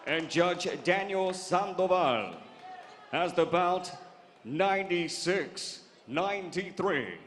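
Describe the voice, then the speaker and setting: A man announcing from the boxing ring in a showy, drawn-out, booming style like a lucha libre announcer. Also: expressive. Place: boxing ring in a casino resort arena. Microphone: announcer's microphone over PA. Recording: echoing arena, loud noisy crowd.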